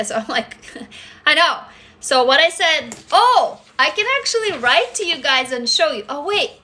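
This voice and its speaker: Speaking from her indoor desk on a phone livestream, this Russian-accented host in her forties chats openly and doesn't hold back on swearing. Her voice is high with a sharp edge, picked up close by the phone camera.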